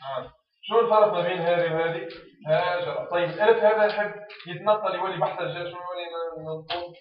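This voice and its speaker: A man's voice: high voice, quick pace. Man explaining in an echoey room. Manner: explains step by step, acts out teacher and pupil exchanges. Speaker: teacher trainer. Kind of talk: instructional talk on teaching reading. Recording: echoey, distant, slightly dull room recording.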